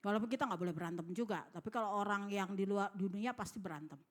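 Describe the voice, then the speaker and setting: A woman's voice: medium pitch, fast. A middle-aged woman pastor, preaching a sermon. She tells stories, acts out the voices in them and asks the congregation for responses. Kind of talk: sermon with storytelling. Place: church hall.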